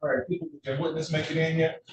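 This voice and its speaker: A man presiding as judge, briskly reading out case details and giving procedural instructions, heard in a courtroom recording. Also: a little high, level tone. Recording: echoey courtroom, distant mic, noisy.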